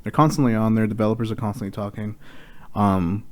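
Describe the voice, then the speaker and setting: Male co-host, low voice, loose sweary ranter. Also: fast. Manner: chatty, swears freely, rants with rising excitement. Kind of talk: casual podcast chat.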